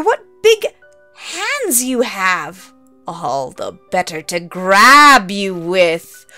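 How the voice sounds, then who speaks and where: A woman's voice: on the low side, smooth, pitched below the performer's own voice, full character voice. A woman voicing Little Red Cap, a sweet and trusting little girl, in a childlike storybook reading. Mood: frightened. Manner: bright, eager and childlike, rising to frightened cries.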